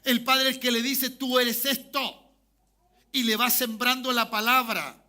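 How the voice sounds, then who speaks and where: A man's voice: very high voice, level tone, measured pace, bright, forceful tone. A man, a pastor preaching a sermon and often calling the congregation to say amen. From Chile. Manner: preaching, repeats calls for amen.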